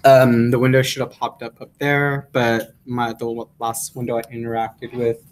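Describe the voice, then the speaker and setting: A man's voice: mid-range voice, completely flat delivery, normal speed, low-quality recording. Casual young male instructor. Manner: filler-heavy, repeats "yeah" often. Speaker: course instructor. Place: classroom.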